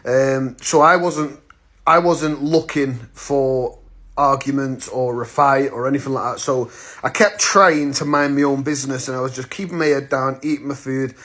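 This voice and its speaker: Man, thirties, vlogger, casual storytelling, blunt, slangy, medium pitch. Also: fairly even intonation, normal speed, fairly bright tone. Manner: blunt, slangy, acts out the moments he retells.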